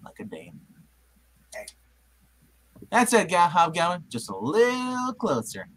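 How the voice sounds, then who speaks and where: Man doing a young male superhero, high voice, brash, melodramatic, bright and forceful, cartoon heroics. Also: huge pitch swings, slow pace, full character voice. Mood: determined. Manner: melodramatic, exclamatory. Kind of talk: live comic book reading, puppet show.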